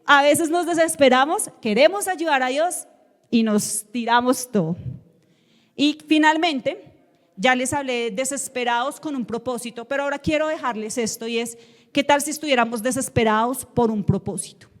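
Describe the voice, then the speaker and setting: High-voiced woman preaching in a hall. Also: normal speed. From Colombia. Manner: emphatic, rhetorical questions to the congregation. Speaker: guest preacher. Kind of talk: sermon. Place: church sanctuary.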